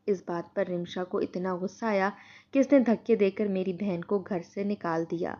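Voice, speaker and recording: A woman narrating a first-person moral story in a steady, earnest storytelling tone. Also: mid-range voice, muffled recording.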